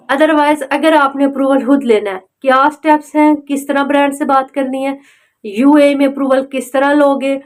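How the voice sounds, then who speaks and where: A woman giving a motivational tutorial on online selling, urging viewers directly and often checking in with "okay". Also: high voice. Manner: urging, repeats "okay" fillers, direct address.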